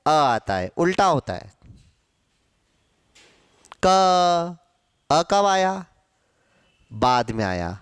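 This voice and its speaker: A man teaching grammar to a class with a high, animated voice, drawing out each syllable at a slow, deliberate pace. He keeps asking questions and answering them himself. His voice is smooth and clear, recorded dry and close. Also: dry recording. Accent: Hindi, from central India. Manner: asks questions and answers them himself, repeating sounds slowly. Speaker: Hindi teacher.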